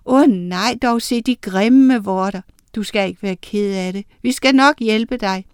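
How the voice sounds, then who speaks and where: Kind young witch girl, lively and exclaiming, storybook , as a woman narrator plays her. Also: mid-range voice, clear, resonant tone, dry recording, studio quality, close to an everyday voice. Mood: tender.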